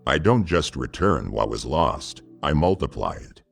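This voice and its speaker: A man delivers scripted devotional narration, addressing the listener directly and intimately. His voice sits extremely low and carries a gravelly rasp, paced in a solemn, measured way. Soft music plays faintly underneath. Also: very animated. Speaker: devotional narrator speaking as God.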